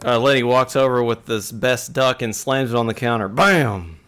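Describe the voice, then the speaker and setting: A man at a tabletop game who narrates what his character does. He sounds relaxed and playful. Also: medium pitch, normal speed, clean tone. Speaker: player.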